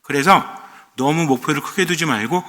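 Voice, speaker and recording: Bright-voiced priest preaching in a hall. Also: male voice, a little high, moderate pace. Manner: conversational, quizzes the audience with rhetorical questions. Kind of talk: lecture-style homily.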